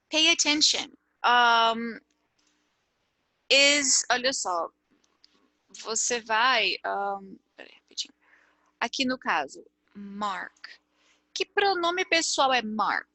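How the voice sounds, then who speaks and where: A woman's voice: fairly high pitch, bright, forceful tone, no room sound. A Brazilian woman teaching English grammar in an online lesson, explaining step by step and often checking with "ok?". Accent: Brazilian Portuguese.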